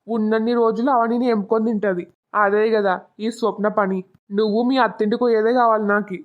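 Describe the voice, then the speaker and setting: A woman's voice: medium pitch, steady tone, quick pace, lightly acted. A woman voicing a stern, angry middle-aged village father, scolding bluntly, on a dull lo-fi recording.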